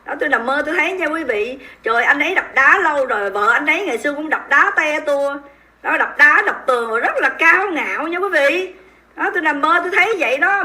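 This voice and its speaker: A woman with a Southern Vietnamese accent hosts a livestream and comments on the news. She talks to her viewers in a high voice with a bright, sharp edge. Her delivery is emphatic and scornful. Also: expressive, brisk. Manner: emphatic, indignant, mocking, speaks straight to viewers. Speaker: livestream host.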